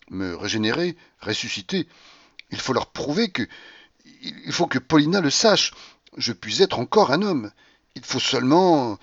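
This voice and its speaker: A man reads a classic novel aloud as an audiobook, measured and brooding in the first-person passages. His voice sits at a middling pitch. The sound is close and dry, with a somewhat dull, lo-fi top end. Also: dry recording. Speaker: audiobook reader.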